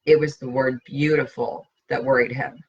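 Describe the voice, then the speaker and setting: Expressive, slightly breathy woman reading a story. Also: very deep voice, normal speed, lo-fi sound. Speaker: host reading stories aloud. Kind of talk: reading a short story aloud.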